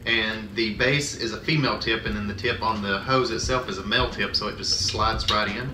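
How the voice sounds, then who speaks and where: A man's voice: on the low side, fairly even intonation, brisk, background noise. A man chatting casually as he co-reviews a product. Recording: distant mic, roomy echo, music behind. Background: music.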